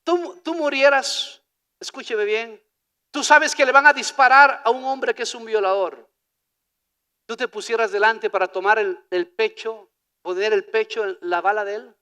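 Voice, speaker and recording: High, bright-voiced Ecuadorian preacher man. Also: normal speed, clear, resonant tone. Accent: Ecuadorian Spanish. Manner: preaching with swings from hushed to loud, calling listeners "hermano". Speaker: pastor. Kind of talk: sermon. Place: church. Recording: church hall reverb.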